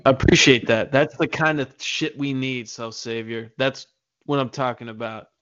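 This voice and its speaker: A man's voice: mid-range voice, normal speed, fairly bright tone, clean tone, dry recording. A man chats on a casual online show, rambling and hesitant with the odd curse. His audio is dry and close, with a muffled lo-fi band.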